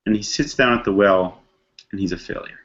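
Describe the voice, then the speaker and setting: Speaking a little fast in a lower, fairly bright voice, this rabbi runs a text study class on lo-fi audio. His scripture lesson is conversational and reflective, dotted with rhetorical questions, and he dramatizes what the characters are thinking in everyday modern slang.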